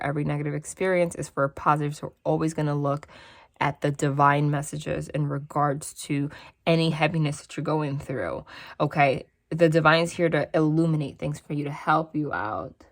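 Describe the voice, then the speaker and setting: This low-pitched woman, a tarot reader from New Jersey, talks frankly and casually to viewers while seated at a desk in her parents' home. She rambles chattily, drops candid asides, and has a slightly raspy voice with natural vocal fry.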